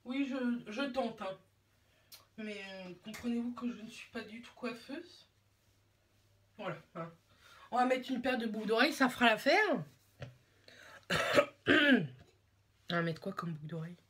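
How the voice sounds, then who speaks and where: A woman's voice: fairly high pitch, expressive, unhurried, pauses often, fairly bright tone, husky. A young woman from France chatting casually and rambling with self-mockery while doing her makeup at home. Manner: rambling, self-mocking, slangy. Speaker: beauty vlogger.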